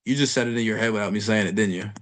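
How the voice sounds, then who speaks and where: A man's voice: on the low side, racing. A man giving a casual trading lesson over a chart, blunt and profane, talking to the viewer in street slang. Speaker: trading educator.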